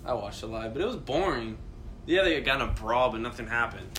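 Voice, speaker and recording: A man's voice: medium pitch, animated, fairly quick, a bit bright. Slangy young man, faint noise. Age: 20s. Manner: slangy, profane banter. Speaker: podcast co-host. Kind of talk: casual chat.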